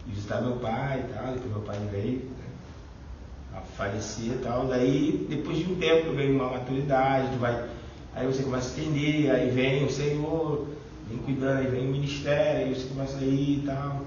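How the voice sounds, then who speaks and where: A man's voice: medium pitch, level tone, normal speed, darkish tone, slight background noise. Chatty Brazilian man in an echoey hall. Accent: Brazilian Portuguese. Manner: chatty, rambling, fillers like "né" and "e tal". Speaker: Bible study leader sharing testimony. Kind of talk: informal testimony in a Bible study. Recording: echoey, distant, dull lo-fi room recording.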